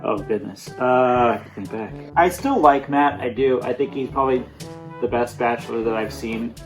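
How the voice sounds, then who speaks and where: A young man in a casual chat, hesitant and starting over, often trailing off quietly. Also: medium pitch, normal speed, low-quality recording. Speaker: co-host, partner. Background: faint guitar music.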